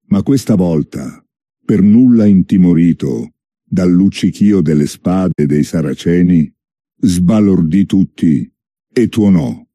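A man reading a story as narrator, in a measured, deliberate way. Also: low voice, dark tone, dry recording, studio quality.

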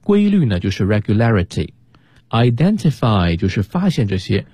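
A man's voice: fairly low pitch, very animated, moderate pace, a little mellow, slightly rough, no room sound. A man co-hosting a radio English lesson, giving chatty explanations of words to listeners. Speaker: co-host teacher. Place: radio studio.

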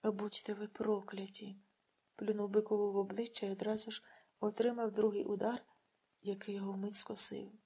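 A woman reading a novel aloud in an earnest, measured narration. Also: medium pitch, little pitch movement, mellow, breathy edge. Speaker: audiobook reader. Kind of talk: scripted narration.

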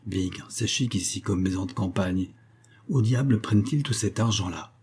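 A man voicing an ambitious young social climber who speaks in low, murmured asides. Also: moderate pace, darkish tone, husky. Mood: murmuring.

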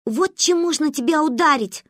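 A woman voicing a brash, reckless girl who yells defiantly. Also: on the high side, expressive, dry recording, studio quality. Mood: eager. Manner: yelling, rapid and defiant.

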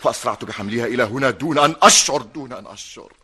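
An actor plays a shaken prince in a classic radio play. He speaks in a lowish voice, rushing through a horrified account. Faint music plays underneath. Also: fairly bright tone, lightly acted. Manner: hurried, horrified retelling. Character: shaken royal brother, adult man. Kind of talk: classic Arabic radio drama acting.

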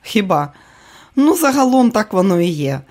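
A man's voice: high voice, sing-song, normal speed, a little mellow, voice pushed up. A man voicing a weary, wry aging comedian. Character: tired aging man, famous comedian, joking husband. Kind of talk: audiobook character reading.

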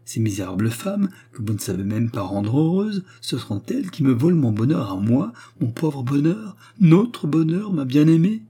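A man's voice: on the low side, big pitch swings, normal speed, few pauses, mellow, breathy edge, exaggerated voice. A man voicing a desperate imploring suitor. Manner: urgent, imploring.

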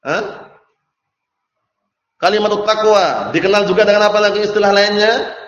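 A man's voice: sits high, moderate pace. A man giving a religious study lecture, asking his audience questions and answering them himself, often checking that they understand. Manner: repeats phrases and checks understanding. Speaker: Islamic teacher. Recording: echoey hall, dull lo-fi sound.

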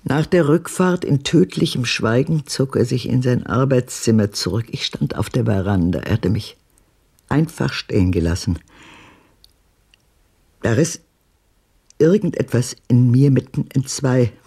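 In a radio drama, an actress plays an embittered old woman recalling her past with dramatic intensity and agitation. Her older-sounding voice is husky, gravelly and bass, mellow yet exaggerated.

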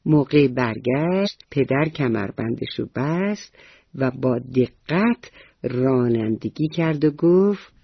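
A woman storyteller gently narrating a bedtime story for children on the radio, speaking directly to the kids. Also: rumbling low, expressive, gravelly, slightly rough, dry recording, muffled recording. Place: radio studio.

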